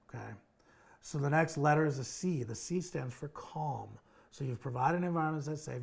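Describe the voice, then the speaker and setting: A man hosting a parenting advice show, with a gravelly edge and a slight huskiness in his voice. He speaks directly to parents and walks through his advice one step at a time, at a middle pitch for a man. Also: darkish tone.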